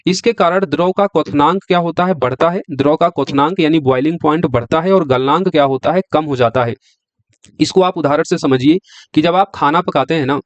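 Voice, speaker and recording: A man's voice: on the high side, dry recording. A male teacher giving an exam-prep science lecture who keeps asking the class questions and answering them himself. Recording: dry, slightly dull lo-fi sound.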